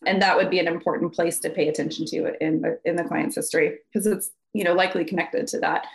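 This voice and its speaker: A woman mental health counselor, a podcast guest, explaining calmly and walking through worked examples. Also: lowish voice. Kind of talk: podcast conversation.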